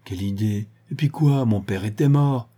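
A man's voice: fairly low pitch, normal speed, warm tone, natural voice. A man reading the part of an anxious, pleading young woman in an audiobook. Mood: incredulous. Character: young woman seeking her lost son.

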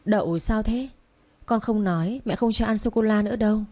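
A woman reading a young mother in an audiobook, coaxing her small son in a soft voice. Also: medium pitch, fairly quick, natural voice. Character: young mother, gentle and anxious.

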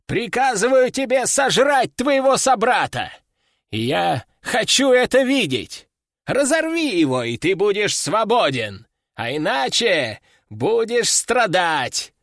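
A man's voice: sits high, very animated, slow, fairly bright tone, no echo, clean studio sound, pitched above the performer's own voice, exaggerated voice. A man voicing a stern, domineering old male sorcerer in an audiobook, giving harsh orders. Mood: commanding. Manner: commanding and harsh. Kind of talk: audiobook character voice.

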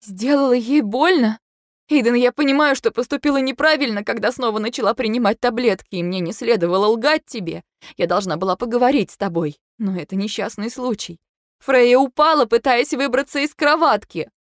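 A woman's voice: mid-range voice, fairly quick, hardly any pauses, voice pushed up, close to an everyday voice. A guilty, desperate young mother in an audiobook, as a woman reader puts her on, pleading in a tearful voice. The recording is dry and close, with no room echo. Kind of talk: audiobook reading.

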